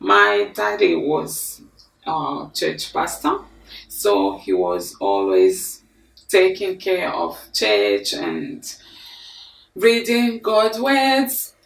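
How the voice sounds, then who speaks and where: A woman from the Democratic Republic of Congo tells her personal life story to camera in a studio in front of a green screen. Her lowish voice has a gravelly edge, and she speaks slowly and deliberately, expressive and gesturing with her hands. The room is echoey and the mic sits at a distance.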